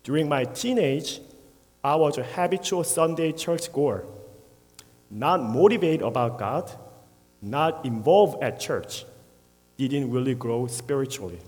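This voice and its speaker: A man in his thirties with a Korean accent shares a prepared testimony in a church sanctuary. He speaks earnestly and haltingly, with brief pauses and a medium-pitched voice. The sound carries a long reverb from the hall. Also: lively intonation, a little mellow. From South Korea. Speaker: church member giving testimony.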